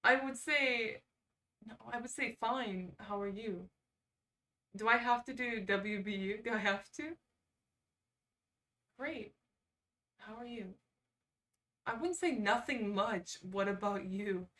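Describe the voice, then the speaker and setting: Speaking slowly with frequent pauses, this woman has a medium-pitched voice and a sharp tone, and she sits far from the microphone. As a livestream host, she keeps things casual, reads quizzes out, and reacts on the spot with sarcasm.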